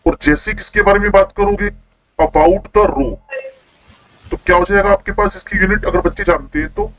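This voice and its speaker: A man teaching a chemistry class online, constantly quizzing his students with quick questions. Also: high voice, fairly bright tone, poor audio.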